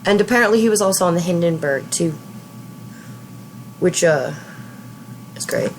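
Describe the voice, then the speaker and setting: A woman in her thirties hosting a let's play, giving casual, chatty game commentary in a relaxed way. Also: lowish voice, a little hiss or hum, poor audio. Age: 30s. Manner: chatty, relaxed, slow talk.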